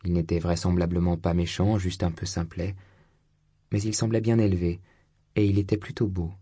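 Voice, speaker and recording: A man narrating a literary story in an audiobook, in a measured, even delivery. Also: low-pitched, husky, dry recording, clean studio sound.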